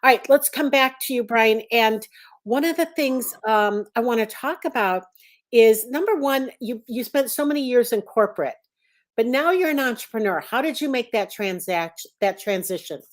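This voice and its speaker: A woman's voice: fairly high pitch, animated, normal speed. Chatty, encouraging woman podcast host. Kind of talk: conversational interview hosting. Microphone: video call.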